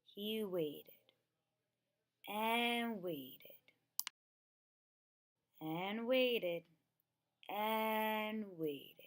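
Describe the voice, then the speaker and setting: With noticeable background noise and clicks behind her, a woman with a mid-range voice reads a children's picture book aloud as a storybook reader, using an expressive, deliberate storytelling manner.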